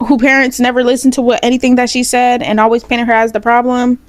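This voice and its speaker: A woman's voice: a little high, level tone, fast talker, no echo. A young woman talks casually to camera in a vlog, blunt, profane and full of sassy asides. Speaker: vlogger. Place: small home room.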